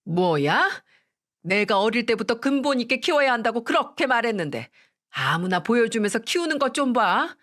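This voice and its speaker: A woman's voice: fairly high pitch, very animated, moderate pace, voice pushed up. A woman voicing an angry, domineering older mother-in-law who talks down and scolds. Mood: angry scolding. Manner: shouting, scornful, talks down. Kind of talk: storytelling radio, acted quote.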